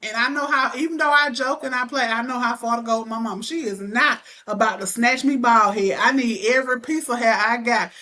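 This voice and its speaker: A young woman chatting casually as an interview guest, telling animated stories full of playful mock threats. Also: fairly high pitch, a little fast, few pauses. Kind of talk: casual chat.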